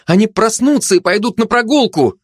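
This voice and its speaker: A man's voice: high-pitched, a little fast, dry recording, studio quality, voice pushed up. A man voicing an anxious mother dog who speaks sharply and with agitation. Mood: agitated.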